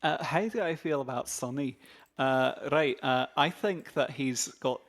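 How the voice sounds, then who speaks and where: A stand-in stream commentator with a put-on Scottish accent, as a man plays him. He speaks slowly and drily, in a mock-formal tone, at a middling pitch for a man. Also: fairly bright tone. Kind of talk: casual stream chat.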